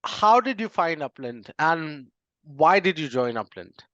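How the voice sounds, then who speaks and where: A man's voice: fairly high pitch, big pitch swings, measured pace, fairly bright tone, no echo, muffled recording. A man hosting an interview show, leading the guest with friendly questions and some fillers. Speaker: podcast host.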